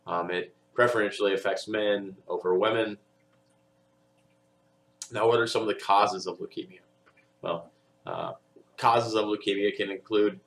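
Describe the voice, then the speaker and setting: Male lecturer, low gravelly voice, loose conversational delivery, lots of "um" and "right?". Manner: conversational, many fillers and tag questions. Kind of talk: recorded audio lecture.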